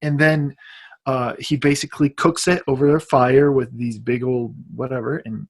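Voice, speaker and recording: A man's voice: medium pitch, steady tone, normal speed. A man co-hosting a podcast in casual chat, telling a story in a rambling way with lots of restarts. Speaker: podcast co-host.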